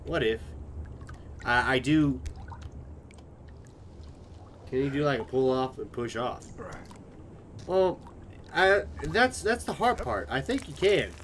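Streamer, male, put-on Southern drawl, rambling frustrated live commentary at home, mid-pitched, background noise. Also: expressive, slow pace, pauses often, a bit bright. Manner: rambling, thinking aloud, frustrated. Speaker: gaming streamer.

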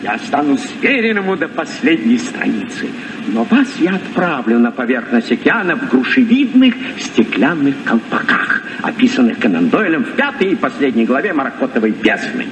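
An actor playing an earnest, courteous deep-sea explorer and professor, speaking formally and theatrically in a Soviet radio play. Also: male voice, sing-song, moderate pace, fairly bright tone. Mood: solemn, gracious. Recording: noisy old radio recording.

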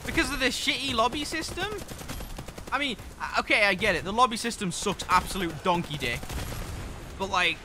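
A man with a high voice streams a shooter and chats with his viewers, swearing freely and flaring into rants. Game gunfire rattles clearly behind his talk. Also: noisy background. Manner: profane, excitable, quick to rant. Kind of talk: live gameplay commentary with chat.

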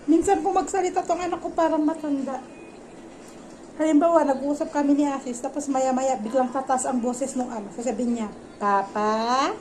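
A woman in her thirties, a mother vlogging casually from her home kitchen, chatty and soft-spoken. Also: high voice, steady tone, a little fast, soft background music, low-quality recording. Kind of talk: casual home vlog chat.

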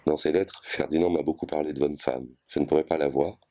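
A polite, hesitant young fiancée who feels out of place, as a male reader voices her. The voice stays very deep and dark, with no effort to raise it. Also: fairly even intonation, a little fast. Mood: uneasy.

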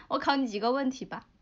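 A young woman in her twenties chatting playfully with fans on a livestream, giggling as she tells a joke haltingly. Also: high-pitched. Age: 20s. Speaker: livestream host. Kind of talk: casual livestream chat with fans. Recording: dull lo-fi livestream audio.

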